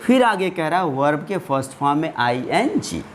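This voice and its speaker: A man's voice: a little high, very animated, normal speed, a little hiss or hum. A man teaching an English grammar lesson, asking and answering his own questions and drawing out the example words. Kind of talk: classroom-style grammar lesson.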